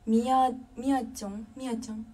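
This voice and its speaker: A woman's voice: fairly high pitch, level tone, moderate pace, mellow, distant mic. A young woman with a Kansai accent chatting casually on a livestream, reading viewer comments and thanking fans one by one. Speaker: drummer livestreamer.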